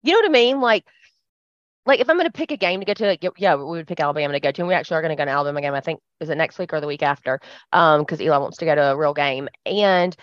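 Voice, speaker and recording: A woman co-hosting a casual chat, animated and chatty. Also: sits low, rapid-fire, dry recording. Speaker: podcast co-host. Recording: dull lo-fi sound.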